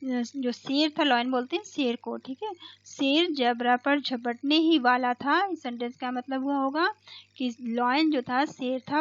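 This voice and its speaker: A woman teacher explaining an English lesson in Hindi. She reads English lines slowly and keeps checking in with "ठीक है". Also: sits high. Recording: dull, lo-fi recording.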